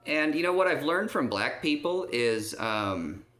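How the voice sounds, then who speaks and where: A man's voice: on the high side, sing-song, a little slow, fairly bright tone. A man telling a long personal story in a rambling way, often stopping to check in with his listener and filling gaps with "um". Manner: rambling, checks in with repeated "okay?" and many "um"s. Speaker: vlogger. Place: resident's room in a care home. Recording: roomy echo.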